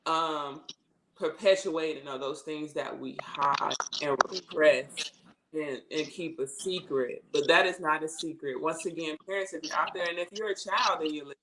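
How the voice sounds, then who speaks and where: A woman's voice: low voice, a bit bright, slight background noise, poor audio. A woman hosting a live podcast interview over a video call. She talks emphatically and repeats words for stress. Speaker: podcast host.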